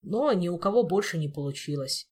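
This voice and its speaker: A woman's voice: on the low side, lively intonation, brisk, darkish tone, slightly rough. A woman reading an audiobook, voicing a gloomy young prince who speaks bluntly and grumbles.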